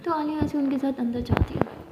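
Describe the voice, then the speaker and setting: A woman's voice: sits high, steady tone, fairly quick, background noise. A woman telling a love story in a chatty, conversational narration style. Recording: echoey dull lo-fi room recording.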